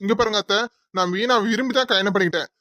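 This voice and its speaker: An earnest young cartoon husband pleads his case and comforts his wife, as a man voices him. His voice is pitched unusually high for a man and races along. The sound is dry and close. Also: racing, sharp tone, no room sound. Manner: pleading, reassuring.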